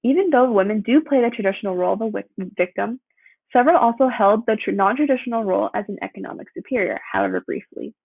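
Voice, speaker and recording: A young woman reads a student presentation from a script at a steady pace, now and then tripping on a word and fixing it. Her voice sounds thin and phone-like. The recording is dry, with no room echo. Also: a little high, fast talker, creaky, slightly rough. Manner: steady read-through with occasional slips and self-corrections. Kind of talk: reading a prepared presentation.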